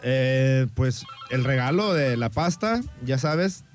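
A man's voice: mid-range voice, animated, takes it slowly, soft background music. Slangy Mexican man co-hosting radio. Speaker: radio show co-host. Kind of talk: casual chat.

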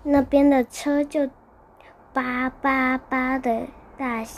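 A woman's voice: sits high, level tone, slow, slight background noise. A woman voicing a curious, kindly young child in a bedtime storybook, earnest and wondering.

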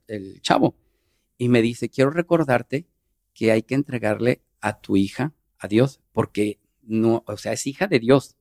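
A middle-aged man, a podcast guest telling an emotional personal story earnestly, in fast bursts. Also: medium pitch, vocal fry, a little mellow.

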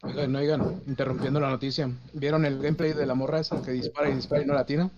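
A man's voice: mid-range voice, level tone, fast talker, noisy background. A man with a Mexican accent chatting casually in crude, joking slang, recorded on a dull lo-fi mic. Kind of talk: casual chat.

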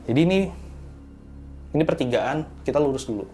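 A man's voice: fairly quick, soft background music. Man telling a horror story. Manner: animated, rising in pitch and volume at tense moments. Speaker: guest storyteller.

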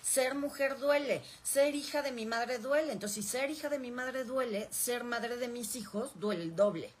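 A woman's voice: a little high, normal speed, a little hiss or hum. A woman giving an informal spoken lecture, explaining through rhetorical questions and repetition. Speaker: speaker on emotional roots of illness.

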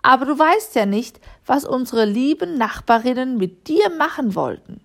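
A woman's voice: sits high, very animated, moderate pace, gravelly, voice pushed up, exaggerated voice. A woman voicing a kindly older woman who worries and scolds, in a children's storybook reading. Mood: worried. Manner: worried, chiding.

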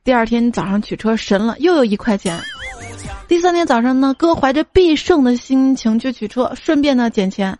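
A woman's voice: a little high, animated, normal speed, darkish tone. A woman hosting a comedy podcast, reading listener jokes in a chatty, playful way and acting out the quoted lines. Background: faint background music.

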